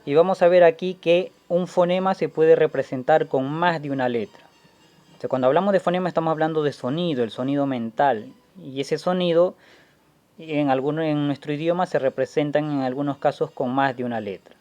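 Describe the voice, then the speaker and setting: A man teaching a language lesson, explaining slowly and patiently and sounding out each vowel as he goes. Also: on the high side, darkish tone. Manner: slow, patient, demonstrating sounds aloud. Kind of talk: classroom explanation.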